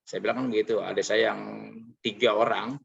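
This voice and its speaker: A man earnestly sharing a personal testimony, halting and confessional, with frequent filler sounds. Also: on the low side, steady tone, vocal fry, muffled recording. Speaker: training participant sharing his experience.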